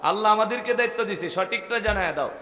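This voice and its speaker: A man's voice: sits high, quick pace, pushed and bright. A man with a Bangladeshi accent preaching a waz sermon to a gathering, rhythmic and rousing, calling questions out to the crowd. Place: religious gathering. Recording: echoey open-air mahfil with long reverb.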